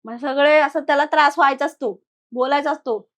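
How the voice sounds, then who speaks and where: A woman's voice: sits high, normal speed. Woman narrating a horror tale conversationally. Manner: conversational, animated retelling with quoted voices. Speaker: guest storyteller. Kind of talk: casual spoken horror story.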